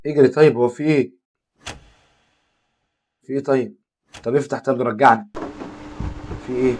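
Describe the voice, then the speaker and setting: A young Egyptian man plays a horror game with joking commentary, swearing and acting scared. His voice sits at an average pitch. A faint hum hangs behind him. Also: fairly even intonation, moderate pace, a little mellow. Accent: Egyptian Arabic. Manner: jokey, swears, mock-scared reactions. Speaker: gaming YouTuber.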